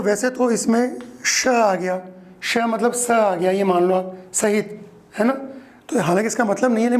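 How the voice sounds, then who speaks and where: A male teacher giving a grammar lesson, explaining slowly and repeating each word, often checking in with the class. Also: sits high.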